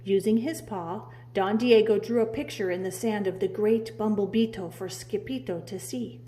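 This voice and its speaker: A woman with a medium-pitched, dark-toned voice reads a children's storybook aloud at a normal speed. Like a preschool teacher, she dramatically stretches out key words in expressive narration.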